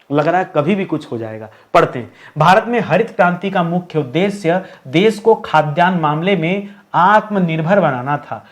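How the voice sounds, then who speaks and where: A man teaching an exam-prep grammar lesson, explaining each answer and repeating questions back to his students. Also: fairly high pitch.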